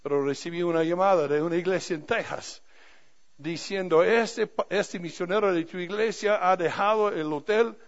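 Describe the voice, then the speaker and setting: Gravelly high-voiced older man preaching. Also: normal speed. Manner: storytelling with self-deprecating humor, swinging from soft to loud. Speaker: pastor. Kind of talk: sermon. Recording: dull lo-fi recording.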